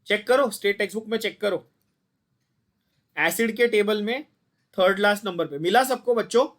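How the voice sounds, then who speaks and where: Man, high voice, chemistry teacher, online class, blunt, quizzing. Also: moderate pace, fairly bright tone. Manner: mixes Hindi and English, quizzes students constantly, blunt and scolding.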